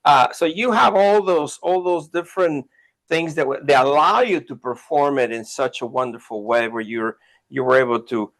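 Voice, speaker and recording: A man hosts a film podcast, asking long questions that stop and restart over and over. His voice sits at an everyday middle pitch, and his talk is full of fillers. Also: a bit bright, low-quality recording. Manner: halting, many restarts and fillers. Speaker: podcast host. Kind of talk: interview chat.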